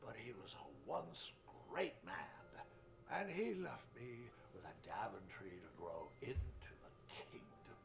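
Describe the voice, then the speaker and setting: An actor playing an aged king who narrates his own memories with a gravelly voice. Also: mid-range voice, expressive, measured pace, noisy background. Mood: reflective. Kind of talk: game narration.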